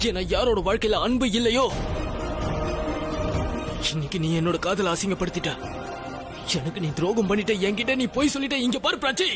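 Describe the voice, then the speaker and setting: Hurt young lover, bitter, high voice, quick talker, serial dub with music. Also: male voice, animated. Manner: bitter, pleading, voice rising to shouting. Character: heartbroken young man, angry at his girlfriend. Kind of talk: TV serial dubbing. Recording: with music behind.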